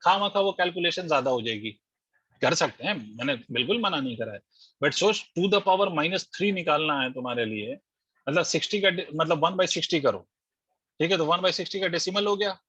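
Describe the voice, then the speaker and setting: A man with a high voice teaches physics in an online class. He works through each step and keeps quizzing his students along the way. The sound is dry, dull and lo-fi. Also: expressive, moderate pace, a bit bright, slightly rough, no room sound. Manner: explains step by step, quizzes students, mixes English terms into Hindi.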